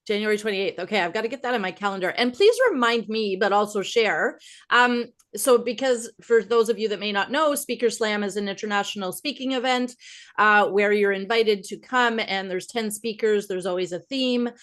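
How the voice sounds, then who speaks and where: Woman host, mid-pitched, encouraging, affirming, thinks out loud. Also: normal speed. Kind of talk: casual live-stream interview.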